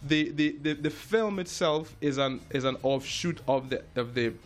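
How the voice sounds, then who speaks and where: A man's voice: on the high side, moderate pace, faint music behind. A man, a jazz musician talking casually as an interview guest, often restarting and repeating words. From Trinidad and Tobago.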